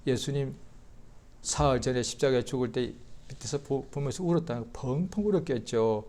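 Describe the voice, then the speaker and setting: A male pastor preaching a Sunday sermon, acting out the story in voices and swinging from quiet talk to loud outbursts. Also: medium pitch, fairly quick.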